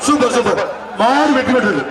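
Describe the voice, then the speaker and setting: A man with a Tamil Nadu accent giving excited live event commentary over a loudspeaker, shouting repeated calls and urgings as announcer. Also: very high voice, brisk. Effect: amplified through loudspeaker PA. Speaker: live event announcer at a bull-taming contest. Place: outdoor arena with loud crowd behind. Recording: echoing outdoor PA, distant, loud crowd.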